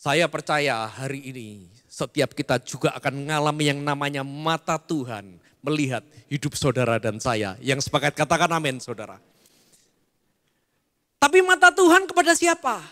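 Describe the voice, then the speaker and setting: Man, middle-aged pastor, animated sermon, bright sharp tone, long hall echo. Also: mid-range voice, moderate pace. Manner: animated preaching with bursts of emphasis and asides to the congregation. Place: church hall. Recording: long church hall reverb.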